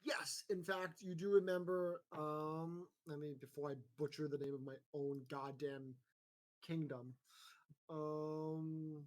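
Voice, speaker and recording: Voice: mid-range voice, a little mellow. A game master narrating a tabletop game in a casual, rambling way full of fillers.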